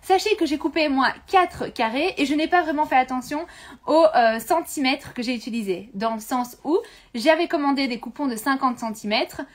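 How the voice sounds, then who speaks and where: A high-voiced woman leads a live sewing tutorial from her home sewing room. She talks to her viewers in a chatty, hesitant way. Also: normal speed. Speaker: sewing instructor hosting a live stream.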